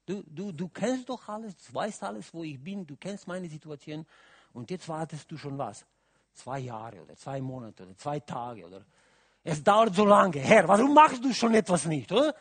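A man preaching a sermon, asking his listeners questions and swinging from quiet musing to loud, emphatic calls. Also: fairly high pitch, slightly rough. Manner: asks the audience questions, adds "oder?" often.

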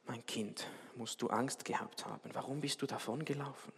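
A man voicing a calm, gentle, fatherly king who speaks quietly and reassuringly. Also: medium pitch, unhurried, close to an everyday voice. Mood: tender. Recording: long hall reverb.

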